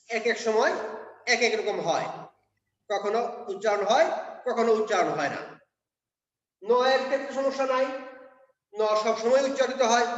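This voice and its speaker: A man with a high voice teaches pronunciation, explaining each rule step by step and pausing to check that his listeners follow. The recording is dull and lo-fi, with a long, heavy echo from a large hall. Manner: explains step by step, checks in with "কেমন?" and "ঠিক আছে?". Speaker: Bengali language teacher. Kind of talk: classroom pronunciation lesson. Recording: echoey hall, dull lo-fi sound.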